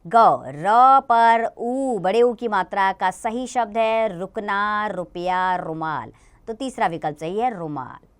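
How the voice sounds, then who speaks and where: A woman gives a grammar lesson for young children in a clear, smooth voice. She explains slowly and patiently and keeps turning to the children with questions. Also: mid-range voice. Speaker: teacher.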